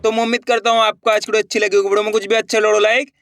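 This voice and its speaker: Man, high voice, dry close sound, patient spelling teacher, asks and answers himself. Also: level tone, rapid-fire, gravelly, a bit bright, no echo. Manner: repeats each word, asks and answers his own questions. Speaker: Hindi writing teacher. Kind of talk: slow step-by-step spelling lesson.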